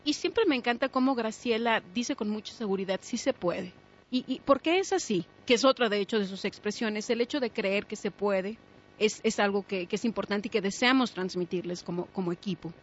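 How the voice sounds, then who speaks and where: A woman's voice: medium pitch, brisk. A woman, hosting a radio talk show and guiding the conversation. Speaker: radio host. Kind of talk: casual radio chat. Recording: dull lo-fi radio sound.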